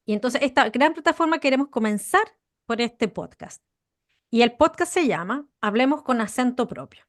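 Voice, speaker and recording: A woman co-hosting a podcast, explaining ideas in an animated conversational way and stressing key words. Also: a little high, moderate pace, no room sound, studio quality. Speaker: podcast co-host.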